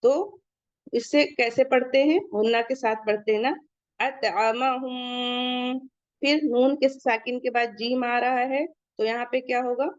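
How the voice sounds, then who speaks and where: A woman teaching Quran recitation rules step by step, reciting each word slowly and quizzing her students on the rules. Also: on the high side, steady tone, no echo, dull audio. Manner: asks students questions and checks their answers. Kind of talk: tajweed lesson with recitation.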